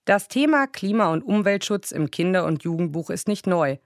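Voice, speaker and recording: A woman presenting a scripted book review on the radio in an even, measured way. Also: lowish voice, no echo, studio quality.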